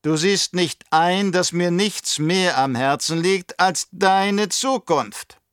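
A scheming old baron with a raised, forceful voice that drags its words out in slow mockery, as a male audiobook reader puts him on. The recording is dry and close. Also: high voice, smooth, no echo, pitched above the performer's own voice. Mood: menacing. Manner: slow, drawn-out, mocking delivery. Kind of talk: audiobook character voice.

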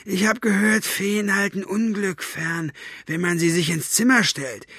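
Man voicing a sneering thug henchman, pitched high, mocking, storybook audiobook. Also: measured pace, pushed and bright, slightly rough, dry recording, clean studio sound, exaggerated voice. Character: sneering brutish male henchman.

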